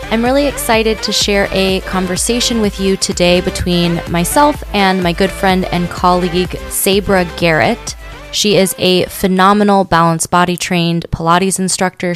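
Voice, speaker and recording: A woman hosting a podcast, welcoming listeners and interviewing a guest in an upbeat way. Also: on the low side. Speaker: podcast host.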